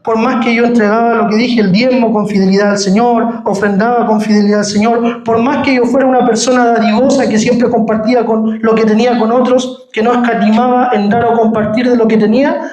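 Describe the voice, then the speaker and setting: A man's voice: very high-pitched, steady tone, a little fast, a little mellow. A man giving a sermon testimony, telling a story and calling the listeners brother. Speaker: preacher. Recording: roomy echo.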